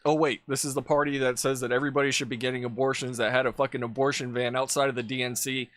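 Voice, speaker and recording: A man's voice: mid-range voice, level tone, fast, fairly bright tone, dry recording. A man giving casual commentary over video clips, blunt and profane, ranting with exasperation. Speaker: political commentator.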